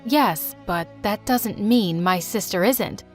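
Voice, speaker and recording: A woman's voice: mid-range voice, slow, faint music behind, natural voice. A woman playing a remorseful birth mother. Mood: earnest.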